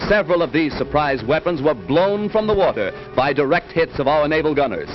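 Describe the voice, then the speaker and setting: A man's voice: fairly high pitch, sing-song, brisk. Man, old newsreel narration, emphatic, lo-fi film soundtrack, music behind. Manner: emphatic, rousing, declamatory. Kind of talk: dramatic 1940s newsreel narration.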